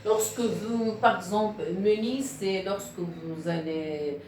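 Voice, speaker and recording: A woman teaching French pronunciation to beginners, slowly repeating words and breaking them into syllables. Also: mid-range voice, steady tone, background noise. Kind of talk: phonetics lesson for beginners. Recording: very echoey room, distant mic.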